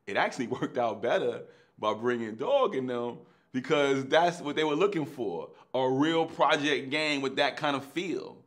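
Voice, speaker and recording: A middle-aged man, an actor telling his own story in a lively way. He acts out the dialogue in street slang and swings between hushed and loud delivery. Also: mid-range voice, normal speed. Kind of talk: animated anecdotal storytelling.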